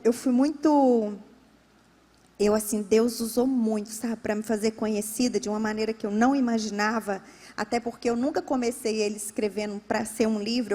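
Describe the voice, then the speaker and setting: A woman's voice: fairly high pitch, mellow, long reverb tail. A woman pastor with a Brazilian Portuguese accent, preaching a sermon with emphatic, repetitive phrasing. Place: church.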